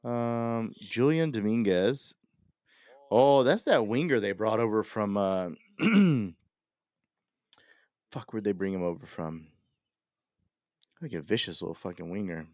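A man co-hosting a casual podcast, rambling and swearing with lots of fillers, excitable. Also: on the low side, slow, long pauses, no echo, studio quality. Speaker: podcast co-host.

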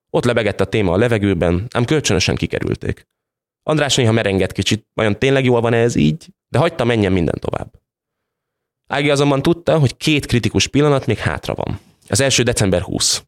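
A man with a fairly low voice reads a literary short story aloud. His telling is calm and measured, moving steadily from line to line. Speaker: story reader. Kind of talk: literary reading.

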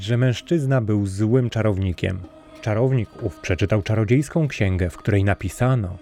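Male fairy-tale narrator, mellow and low-pitched, measured delivery. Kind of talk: storybook narration.

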